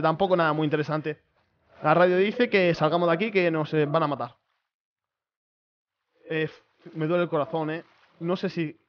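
In a dull-sounding recording, a young man with a voice on the high side plays a horror game for his viewers. He's skittish and keeps repeating himself each time something scares him, keeping the commentary casual.

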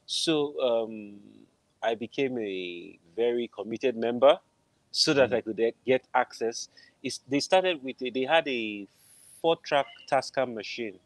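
On a home video call, a middle-aged man with a Nigerian accent, a film composer and interview guest, tells a personal story like he's chatting. The voice is mid-range and unhurried, and the recording is low quality without echo.

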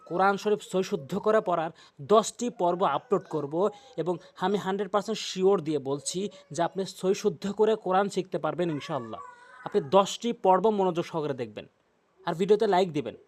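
A male Quran reading teacher, slowly teaching joined letters and repeating each letter name several times. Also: high-pitched. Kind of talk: slow instructional lesson, drilling letter sounds.

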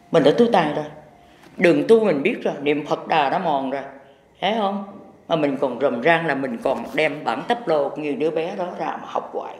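A man's voice: a little high, slight background noise. A man, a Buddhist teacher giving a folksy, rambling impromptu sermon. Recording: echoey hall with long reverb.

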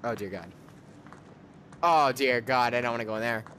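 A young man giving casual commentary while playing a game with a friend, jumpy, swinging from hushed mutters to shrieking laughter. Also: medium pitch, moderate pace, a little hiss or hum.

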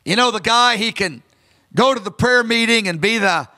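Speaking at a moderate pace, this man in his fifties has a high voice with a bright, forceful tone. He is a pastor delivering an earnest, emphatic sermon into a handheld mic on a big church stage, with long large-hall reverb around him.

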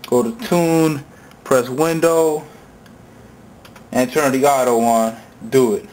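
Speaking slowly in a medium-pitched, darkish voice, a man leads a hands-on music equipment tutorial, talking casually and in slang while he shows how things work. Sampled music loops and instrument sounds run under his voice.

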